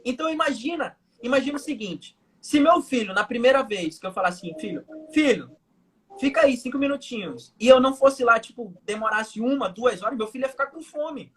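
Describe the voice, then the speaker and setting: A man's voice: extremely high pitch, lively intonation, a little fast, hardly any pauses, fairly bright tone, husky. A young man with a Manaus Brazilian accent, a hypnotherapist guest telling everyday stories to explain his point in a casual live chat over a video call. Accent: Manaus Brazilian Portuguese. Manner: storytelling with everyday examples.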